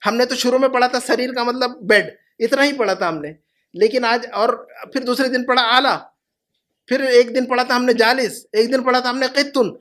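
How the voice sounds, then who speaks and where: High-voiced male Arabic teacher. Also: fairly bright tone. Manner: patient, repeats phrases slowly for students. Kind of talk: classroom lesson.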